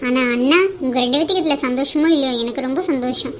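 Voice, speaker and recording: A cheeky younger sister in a cartoon who gushes and teases, played by a woman. Her voice is high and eager. Faint background noise is present. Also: fast, close to an everyday voice. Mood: gushing. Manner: excited, teasing. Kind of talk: cartoon voice acting.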